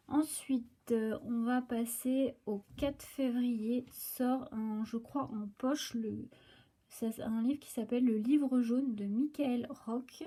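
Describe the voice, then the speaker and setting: A woman's voice: a little high, mellow. Hesitant French woman chatting about books. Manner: hesitant, many fillers and restarts. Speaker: booktuber presenting new book releases. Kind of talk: casual chat to camera. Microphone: phone.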